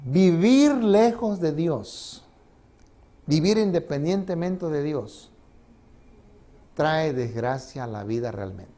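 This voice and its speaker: A man's voice: mid-range voice, warm tone. A male pastor preaching a sermon in a church, speaking emphatically and letting his voice rise and fall. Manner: emphatic, rising and falling delivery.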